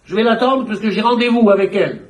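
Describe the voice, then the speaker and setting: A stubborn old lady refuses to budge, insisting in a higher, fussy voice, as a man voices her in his reading. She sounds confused but firm. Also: fast talker, close to an everyday voice, rough recording.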